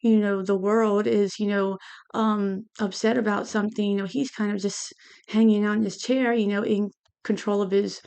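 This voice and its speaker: A woman's voice: medium pitch, level tone, normal speed, vocal fry, a little mellow, clear, resonant tone. A woman giving a casual tarot reading, speaking with a lisp from lingual braces in a hesitant, meandering way. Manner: hesitant, meandering, repeats "you know". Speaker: tarot reader.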